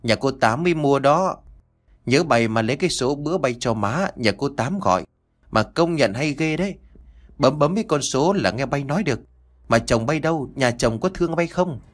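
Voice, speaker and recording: A man's voice: medium pitch, expressive, moderate pace, voice pushed up, lightly acted. A man voicing an anxious elderly country mother who rambles and stammers on the phone. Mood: anxious, chatty. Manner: rambling, stammering southern-rural speech.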